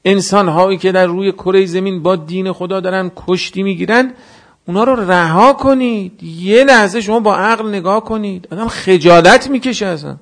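A man preaching a sermon, swinging from a soft, confiding murmur to loud, impassioned rebuke, and chanting verses slowly. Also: high voice. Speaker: cleric.

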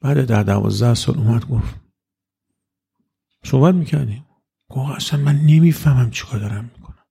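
A man giving an informal religious talk to an audience, speaking conversationally and acting out quoted exchanges with sudden jumps in pitch. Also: vocal fry, pauses often, mellow, breathy edge. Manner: conversational, acts out quoted dialogue with rising pitch. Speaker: religious lecturer.

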